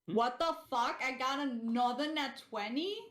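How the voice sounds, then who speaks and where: A woman's voice: high voice, a bit bright. Chatty woman player, roomy echo. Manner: chatty, giggly, quick to joke. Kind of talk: casual tabletop game chat.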